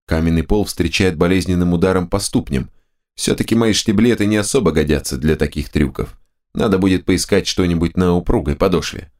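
A man narrating a first-person fantasy audiobook with expressive storytelling. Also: deep voice, brisk.

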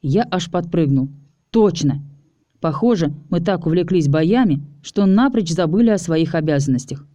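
A man's voice: a little high, animated, normal speed, few pauses, dark tone, no echo, dull audio. A man narrating a first-person fantasy audiobook in a wry storytelling manner.

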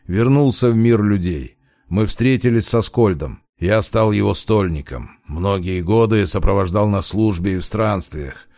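A man voicing a weary, gruff old male wolf shapeshifter in an audiobook, speaking low and grumbling. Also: unhurried, warm tone, no echo, clean studio sound. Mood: grim. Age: older. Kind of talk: audiobook character voice.

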